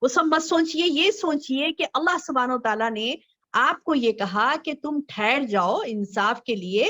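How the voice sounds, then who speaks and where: A female Islamic scholar teaches a women's gathering in a religious lecture, her fairly high voice expressive, bright and forceful. She circles back over her points with repeated phrases and rhetorical questions, slowing down to recite Arabic verses before explaining them. The recording is dull and lo-fi.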